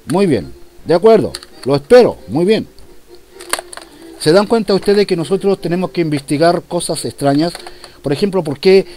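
A man's voice: on the high side, animated, normal speed, warm tone, a little hiss or hum. A man performing a comic monologue as a police commissioner taking a phone call, in a mock-formal, polite manner.

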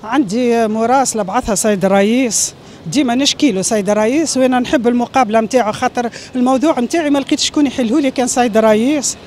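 A woman's voice: fairly high pitch, very fast, a little mellow, a little hiss or hum. A middle-aged woman with a Tunisian accent, speaking in an agitated, pleading, emphatic way in a street interview. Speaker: interviewee airing a grievance. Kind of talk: street interview, impassioned complaint. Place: outdoors on a busy city street. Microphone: handheld reporter microphone.

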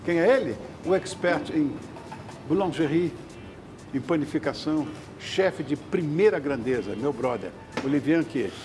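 A man's voice: on the high side, animated, moderate pace, over music. An older man hosting a morning TV talk show, effusive and jokey with his guests. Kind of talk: casual studio chat. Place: TV studio kitchen set.

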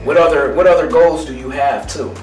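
A man's voice: a little high, a little fast. A man in his thirties interviewing a barber in a hyped, slangy way, often saying "you know what I mean". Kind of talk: casual interview. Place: small room indoors. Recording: roomy, distant mic, faint music.

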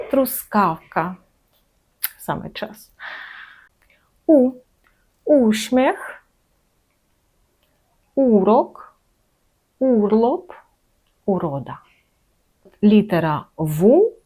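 A woman teaching a language lesson, saying words slowly and carefully to show their pronunciation. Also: mid-range voice, dark tone, slightly rough. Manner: careful, drawn-out word-by-word pronunciation.

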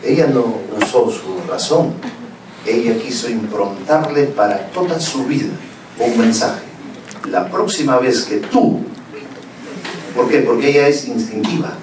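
A man giving a lively conference talk, acting out stories and firing questions at the audience. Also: mid-range voice, a little slow. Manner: animated, questions the audience, acts out scenes. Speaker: conference speaker. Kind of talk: lecture with acted-out stories. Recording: echoey hall from far off, noisy.

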